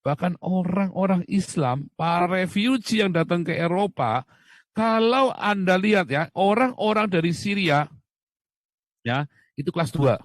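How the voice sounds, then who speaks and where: A man from Indonesia talks in a loose, chatty monologue, often tossing out rhetorical questions and chuckling at his own jokes. His voice sits a little high for a man. The sound is dry and close, with no room echo. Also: animated, measured pace. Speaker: host. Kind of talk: casual monologue.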